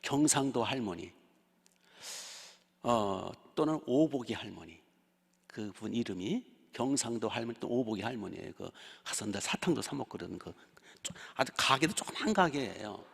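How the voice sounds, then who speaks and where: A man's voice: mid-range voice, lively intonation, moderate pace, creaky, breathy edge, big-room sound. A man in his sixties, a pastor telling stories in a sermon and asking the congregation rhetorical questions. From Chungcheong region, South Korea. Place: church sanctuary.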